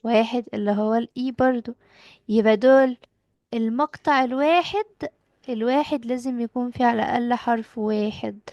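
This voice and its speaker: A woman's voice: a little high, a little fast, darkish tone, no room sound, muffled recording. Patient Egyptian woman teaching a child. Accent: Egyptian Arabic. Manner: patient, asks questions and repeats answers back. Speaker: English teacher. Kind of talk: children's language lesson.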